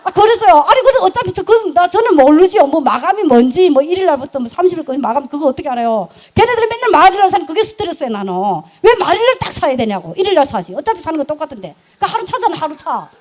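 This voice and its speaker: A middle-aged woman, telling her business story in an animated, emphatic way and laughing often. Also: extremely high pitch, very fast, hardly any pauses. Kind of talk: lively storytelling talk.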